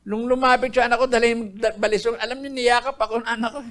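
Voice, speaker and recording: An older Filipino man earnestly tells his personal faith testimony, addressing his listeners as brethren. His voice is very high, level and fairly bright, and he talks fast.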